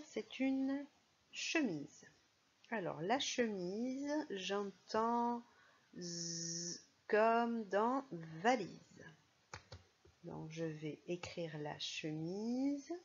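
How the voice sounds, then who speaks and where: A woman's voice: mid-range voice, slightly rough, highs cut off. A woman teaching a primary school phonics lesson, speaking patiently and stressing each sound and syllable.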